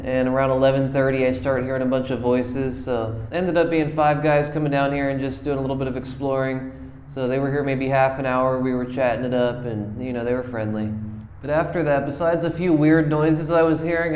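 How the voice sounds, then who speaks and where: A man's voice: mid-range voice, darkish tone, slight background noise. A man narrating a casual travel vlog, chatty and informal, talking straight to his viewers. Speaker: travel vlogger.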